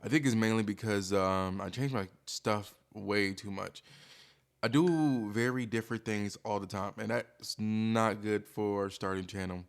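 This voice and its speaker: A man's voice: on the low side, unhurried, smooth. A man streamer talking casually and candidly in a rambling, hesitant, self-deprecating monologue, as if thinking aloud.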